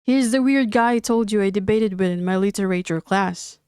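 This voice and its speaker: A woman's voice: mid-range voice, normal speed, darkish tone, clear, resonant tone, no room sound, natural voice. Upset blunt young woman, woman narrator doing her, dry close sound.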